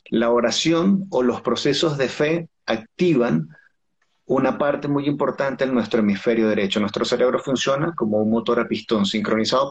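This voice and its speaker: A man's voice: mid-range voice, husky. A man as a guest expert in an interview, explaining things step by step with rhetorical questions. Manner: didactic, uses rhetorical questions.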